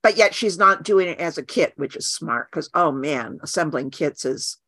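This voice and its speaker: Frank woman, lowish bright dry voice. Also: lively intonation, slightly rough, no echo. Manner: frank, wry, quick to agree. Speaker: guest artist. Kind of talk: casual conversational interview.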